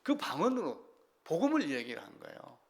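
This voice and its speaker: A male pastor preaching a sermon in a conversational way, asking the congregation questions and swinging between loud emphasis and quiet asides. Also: on the high side, huge pitch swings, brisk, gravelly.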